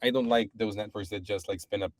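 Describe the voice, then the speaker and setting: A man's voice: lowish voice, fairly even intonation, fast, no room sound. A man from Serbia, a podcast guest, talking in a casual, thoughtful way with many restarts. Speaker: podcast guest, startup co-founder. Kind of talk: casual chat.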